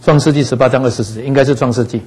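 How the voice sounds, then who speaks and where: Husky man teaching the Bible casually. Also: mid-range voice, fairly even intonation, very fast, a little mellow, rough recording. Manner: conversational, frequent "哈" fillers, acts out voices in quotes.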